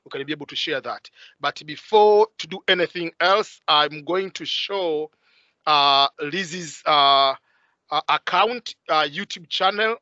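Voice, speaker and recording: A man's voice: fairly high pitch, bright, forceful tone, no echo, highs cut off. A man hosting an interview over a video call, talking with many hesitant "uh" fillers. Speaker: host.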